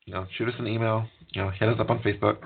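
A man hosting a podcast, closing the show casually in a relaxed, rambling way full of fillers. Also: lowish voice, racing, gravelly, husky, phone-quality sound. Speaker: podcast host.

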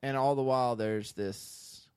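A man's voice: medium pitch, steady tone, a little slow, a little mellow, clean tone. A man co-hosting a casual podcast, chiming in with short agreeing remarks and chuckles. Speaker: podcast co-host.

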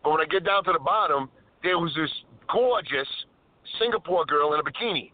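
A man's voice: a little high, brisk, no echo. Man rambling over car speakerphone. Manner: rambling storyteller who keeps interrupting himself. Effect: car speakerphone call while driving. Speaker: caller on a live show. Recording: tinny dry phone line.

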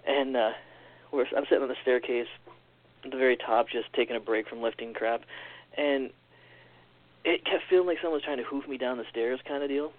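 A man telling a strange personal story in a casual, animated way, acting out what others said, on a phone-like recording. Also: mid-range voice, no room sound. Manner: animated, quick storyteller acting out quoted lines. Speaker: podcast guest. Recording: tinny phone-like line.

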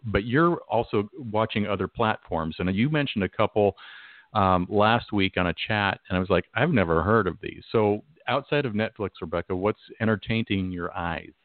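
A man's voice: lowish voice, dry recording, phone-quality sound. A man hosting a radio talk show, chatting casually with many restarts and acted-out quotes. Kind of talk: casual chat.

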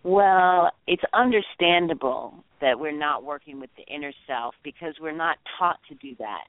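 A man's voice: a little high, moderate pace, no echo. Man on speakerphone over a tinny phone line. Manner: earnest, repetitive phrasing. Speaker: guest on a call-in show. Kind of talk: spiritual teaching talk.

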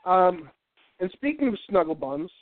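With a high voice, big pitch swings and normal speed, an American radio host from New Hampshire rambles and stammers jokingly on his casual show. His nose is congested so he breathes through his mouth, and the thin mic curled near his face produces a thin, phone-like line.

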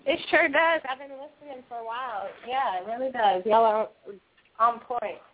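A woman's voice: on the high side, normal speed. A woman from Georgia, calling in to a radio show over a phone line, friendly and polite. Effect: radio show caller over a phone line. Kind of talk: call-in chat.

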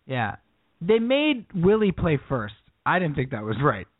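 A man riffs in a deadpan comic way, his pitch swinging widely. The sound is dry and thin, like a phone line. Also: measured pace, no room sound. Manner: deadpan, playful bits. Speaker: podcast co-host. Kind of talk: casual comedic chat.

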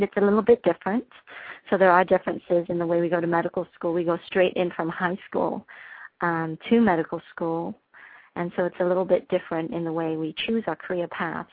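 A woman with a lowish voice speaks earnestly and warmly, pausing often with ums as she answers. The sound is dry and narrow, like a phone line. She is a doctor from England talking as an interview guest. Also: no echo. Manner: warm, earnest, many ums and restarts. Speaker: family physician, guest. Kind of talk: casual interview talk.

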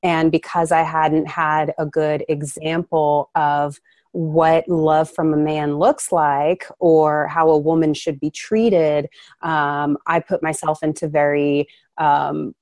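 A woman originally from Ukraine speaks as a podcast guest, earnest and reflective, pausing often. Her voice sits low for a woman. The sound is dry and close, with no room echo. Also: little pitch movement, darkish tone. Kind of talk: conversational interview.

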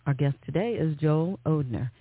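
A woman's voice: deep voice, normal speed, slightly rough, no room sound. A woman hosting a radio program, reading scripted announcements and news over a phone-like connection. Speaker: radio host. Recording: dry, tinny phone-line sound.

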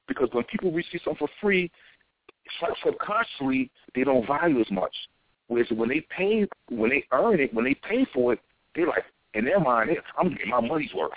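A thin, phone-like recording of an American man on an impassioned soapbox rant. His pitch swings widely as he preaches and exhorts, hammering phrases again and again in loose street vernacular. The sound is dry, with little room around it. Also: dry recording. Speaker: self-styled spiritual teacher.

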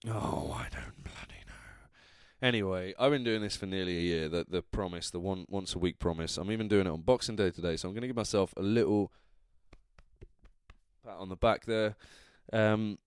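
An Englishman hosts a casual solo podcast while drunk. His voice is fairly low and smooth, recorded close and dry. He rambles, breaking off and restarting his thoughts in a loose, chatty way. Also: a little fast, dry recording. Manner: rambling, trailing off, self-interrupting. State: drunk, tipsy. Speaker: podcast host.

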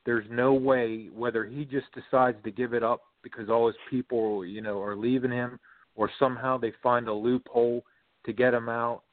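A man's voice: mid-range voice, little pitch movement, normal speed, no room sound. A man calling in to a talk show, rambling and hesitant as he makes his point. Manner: rambling, hesitant, leans on "you know". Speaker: caller. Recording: tinny phone line.

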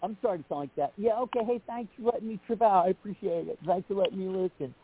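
A man's voice: high voice, quick pace, a little hiss or hum. A man calling in to a radio show over a phone line, rambling and scattered, swearing casually. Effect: heard over a phone line into a radio show. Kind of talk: casual call-in chat.

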